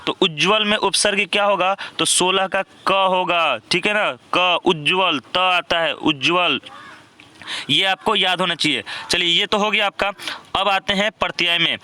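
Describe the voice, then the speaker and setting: A man's voice: high-pitched, pushed and bright, clean tone. A young man working through exam questions as a teacher, explaining step by step and checking in with "right?" after each answer. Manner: repeats "thik hai na" often, explains step by step.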